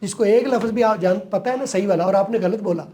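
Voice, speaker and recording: High-voiced man explaining. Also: mellow. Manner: patient, repeats words slowly to model them. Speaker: English teacher. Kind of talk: interview answers, explaining.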